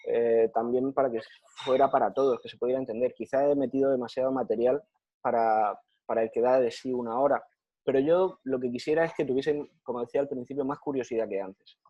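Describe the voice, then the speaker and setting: On muffled video call audio following a lecture, a man from Spain gives an eager, repetitive answer, restating phrases to drive his point home with his Spanish accent. His mid-range voice is steady, brisk, and dark with a breathy edge, and the recording is dry.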